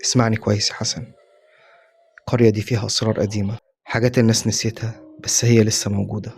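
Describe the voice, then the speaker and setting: A man voicing an old village sheikh who warns calmly and gravely, with an Egyptian accent. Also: lowish voice, very fast, slight background noise. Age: older. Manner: calm, grave warning. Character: old village sheikh, wise and quietly frightened.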